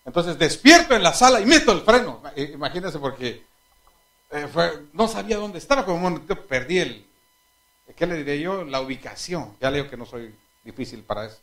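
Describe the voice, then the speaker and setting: His pitch is fairly high and his pace fairly quick. The male pastor preaches with lively anecdotes that he laughs at himself, and he poses direct questions to those listening.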